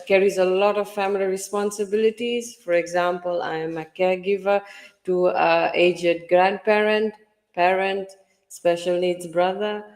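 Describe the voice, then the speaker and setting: A woman's voice: lowish voice, a little mellow, in a large hall. A woman in her early forties from Fiji, talking earnestly about her own life as an online mentor on a livestream panel. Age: early 40s. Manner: earnest, personal storytelling.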